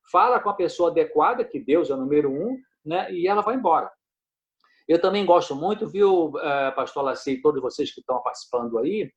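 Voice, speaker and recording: A man gives gentle pastoral advice on mental health, often checking in with "né?" and quoting scripture. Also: on the high side. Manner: gentle, frequent "né?", quotes scripture.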